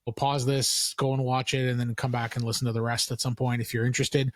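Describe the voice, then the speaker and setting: A man hosting a podcast in casual chat, relaxed and filler-heavy, often restarting his sentences. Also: mid-range voice, quick pace, dry recording. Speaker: podcast host.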